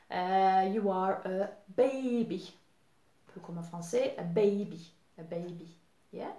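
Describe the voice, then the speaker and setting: A woman whose first language is English, teaching English to children in a patient, drawn-out voice. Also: medium pitch, warm tone. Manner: slow, patient, drawn-out teaching voice switching between French and English. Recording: echoey room.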